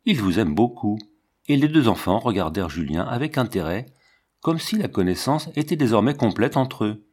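A man narrating a classic storybook in a steady, measured reading. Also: mid-range voice, slightly rough. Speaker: audiobook narrator.

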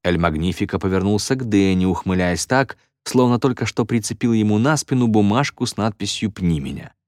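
A man narrating an audiobook with expressive storytelling. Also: lowish voice, brisk, dry recording, studio quality. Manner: expressive storytelling with lively intonation.

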